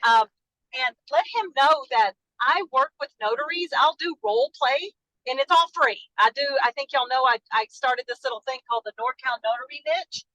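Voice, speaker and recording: A woman's voice: high-pitched, expressive, moderate pace, sharp tone, no echo, low-quality recording. A woman with a Dallas Texas accent, calling in by phone while driving, chatting effusively and apologizing for interrupting. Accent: Texan (Dallas). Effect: calling in by phone while driving a car. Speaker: caller, notary. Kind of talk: casual chat on a video call. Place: in a car.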